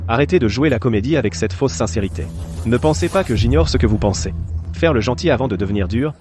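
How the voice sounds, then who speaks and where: A man's voice: mid-range voice, animated, fast, over music, natural voice. A man playing a defiant, protective hero healer in a dubbed fantasy drama, speaking with urgency and threat. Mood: angry defiant. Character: defiant heroic male healer, angry and protective.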